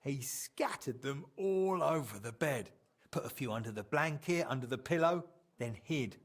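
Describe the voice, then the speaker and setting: A man plays a chatty medieval townsman with a mid-range voice at normal speed, close to how he'd talk every day. The video game storytelling is amused and animated, acting out quotes as he fondly remembers an old drinking friend.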